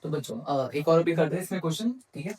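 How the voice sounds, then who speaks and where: A man's voice: a little high, lively intonation, quick pace, a little mellow, poor audio. A man teaching physics to exam students. He talks in Hindi mixed with English terms and keeps asking the class questions and then answering them himself. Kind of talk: exam-prep physics lecture.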